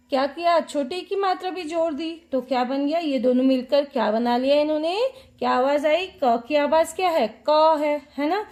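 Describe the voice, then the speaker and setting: A woman's voice: high voice, a little mellow. A young woman teaching small children, patiently quizzing them in a sing-song way with many repeated questions. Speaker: kindergarten teacher. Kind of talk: online Hindi alphabet lesson for small children.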